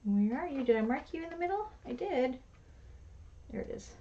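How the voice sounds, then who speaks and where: A woman's voice: high voice, big pitch swings, normal speed, dark tone. A woman teaching a live bag-making class, chatty and self-deprecating, talking to herself as she works. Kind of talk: live class instruction while sewing. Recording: slightly dull lo-fi with faint noise.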